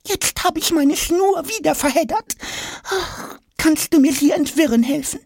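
A man's voice: extremely high pitch, measured pace, darkish tone, dry recording, clean studio sound, voice pushed up. A man doing a chatty, trusting pink braces case. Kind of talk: audiobook character voice.

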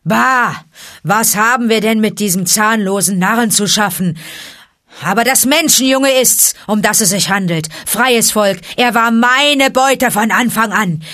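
A woman's voice: fairly low pitch, steady tone, normal speed, hardly any pauses, no echo, clean studio sound, close to an everyday voice. A woman voicing a proud, menacing male tiger who rants with hatred in a storybook reading. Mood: furious. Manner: roaring, hateful ranting.

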